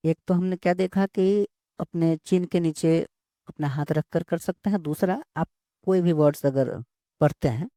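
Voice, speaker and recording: A male teacher explains slowly and steadily, often going back over the same words. His voice sits a little high for a man yet sounds dark and gravelly. It is recorded close up and dry. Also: no echo. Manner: slow, repeats words and phrases while explaining. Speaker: English teacher. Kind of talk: bilingual lesson explanation.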